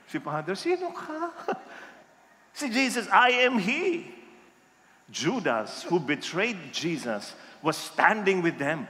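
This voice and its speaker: A man preaching a sermon, telling jokes in an animated storytelling way and mixing Filipino with English. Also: on the high side. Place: church hall. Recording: reverberant hall.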